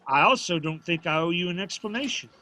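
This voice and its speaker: In an audio drama at a live reading, an actor plays a stubborn, proud, plainspoken old father from a small town, folksy and prickly. His naturalistic delivery is high-pitched, animated, fast and sharp, sounding firm and proud, with faint live stage noise behind him.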